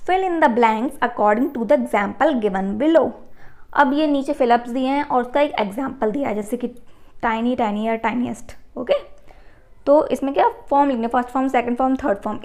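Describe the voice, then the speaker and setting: A woman's voice: fairly high pitch, a little mellow. Woman teacher patiently explaining a lesson. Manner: explains patiently, reads English text slowly and clearly.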